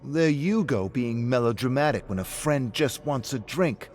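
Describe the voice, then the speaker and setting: A man voicing a hot-headed, defensive man who brags while drinking in a pub, gruff and snapping. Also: medium pitch, lively intonation, normal speed, fairly bright tone, faint music behind, natural voice.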